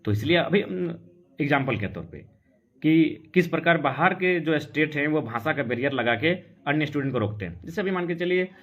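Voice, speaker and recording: In a heated live-stream political talk, a man from Jharkhand, India, responds to comments with insistent argument and plenty of rhetorical questions. He has a Jharkhandi Hindi accent and an animated voice that's a little high, a little fast and somewhat bright. Audio quality is dull and lo-fi.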